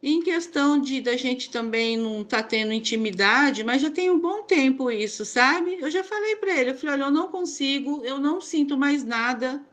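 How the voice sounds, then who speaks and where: A woman's voice: high voice, animated, moderate pace, hardly any pauses, fairly bright tone. A woman with a Brazilian Portuguese accent, a therapy group participant pouring out a personal account in a rambling, confiding way full of repeated fillers.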